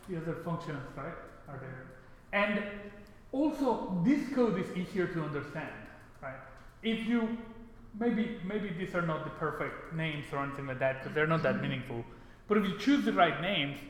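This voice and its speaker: A fairly high-pitched man from Mexico, a programming instructor, gives an informal lecture in an indoor classroom at normal speed with lively intonation. He's casual and often seeks agreement with short tag questions. The room is echoey and reverberant, with background noise.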